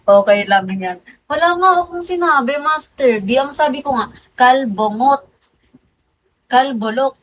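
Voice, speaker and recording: A young woman hosting a livestream, hoarse, teasing her viewers and quickly laughing off her own remarks with apologies. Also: high-pitched, animated, fairly bright tone, rough recording. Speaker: livestream host. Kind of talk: casual livestream chat with viewers.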